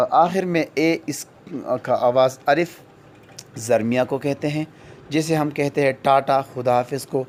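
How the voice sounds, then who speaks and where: A man teaching a lesson on vowel sounds, speaking slowly and repeating each example word, then spelling it out. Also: medium pitch, a little mellow. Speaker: English teacher.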